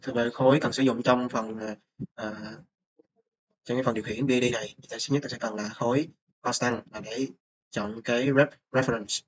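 A man's voice: medium pitch, steady tone, moderate pace, husky. A young man, a student presenting a course report over a screen recording, talking hesitantly with many filler sounds. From Vietnam. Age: young adult. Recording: dull lo-fi mic with faint noise.

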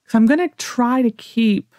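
A gaming video host from the United States rambles casually over her gameplay, musing aloud to herself in a General American accent. Her voice is on the high side, measured and a little mellow, in a dry recording with the highs cut off.

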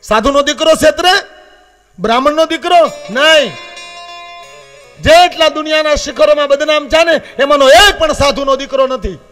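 High-voiced gujarati preacher man in his 50s, saurashtra accent, fired up then hushed, faint music under. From Gujarat, India. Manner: impassioned, swings between loud warnings and low confiding asides. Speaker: Shiva katha preacher. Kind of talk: devotional katha sermon. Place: open-air katha gathering with live accompaniment.

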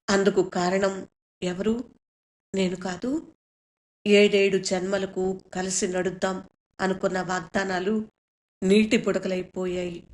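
A woman reading her own short story aloud in a measured, solemn way. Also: mid-range voice. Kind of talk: story narration.

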